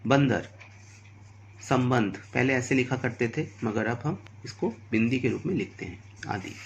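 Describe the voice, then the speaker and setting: Man teaching kids hindi letters, real slow and patient, spells every example out. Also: medium pitch, creaky, highs cut off, a little hiss or hum. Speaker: primary school Hindi teacher. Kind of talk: slow, deliberate classroom lesson.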